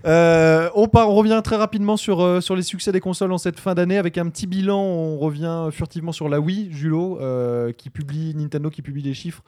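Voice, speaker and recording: A man hosting a podcast, talking fast in a fairly high voice. He jokes and keeps the chat moving. The recording is dry and close. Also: darkish tone, no echo. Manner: quick, joking, steers the talk. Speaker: podcast host. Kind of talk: casual group chat.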